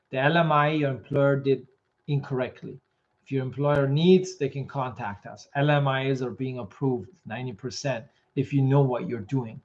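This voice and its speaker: The highs are cut off in this clip of a male immigration consultant hosting a live session, his medium-pitched voice a little mellow. He reads comments aloud and gives swift, no-nonsense answers despite losing his voice.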